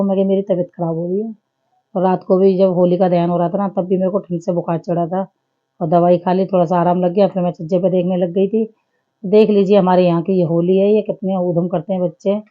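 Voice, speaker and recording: A woman's voice: fairly low pitch, phone-quality sound. A woman in her thirties giving a chatty, homely running commentary over her family vlog. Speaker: family vlogger.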